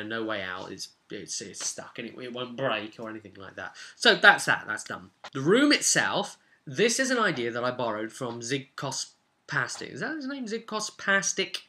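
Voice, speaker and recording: A man with a mid-range voice, a game master and video host, casually rambles through a recap of a tabletop session. He's animated, repeating things emphatically and dropping rhetorical asides.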